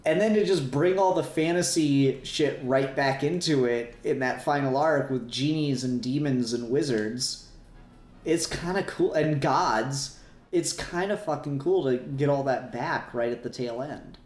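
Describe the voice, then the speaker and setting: A podcast co-host with a medium-pitched, slightly mellow voice chats casually and at rambling length about fan topics, swearing now and then. He speaks at a measured pace, and the recording sounds roomy and echoey.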